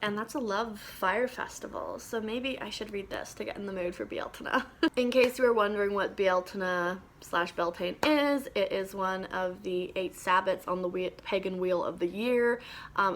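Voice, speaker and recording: In this relaxed vlog, a book vlogger recommends her favorite reads straight to camera. Her voice sits in the middle range with a touch of brightness, and she sounds chatty and eager, sprinkling in ums and small laughs.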